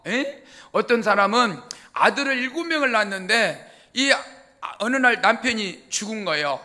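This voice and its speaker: A man's voice: high-pitched, expressive, moderate pace, pushed and bright. A male pastor, preaching in a folksy, joking storytelling way. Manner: folksy, joking, laughs at own jokes. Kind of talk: humorous storytelling sermon.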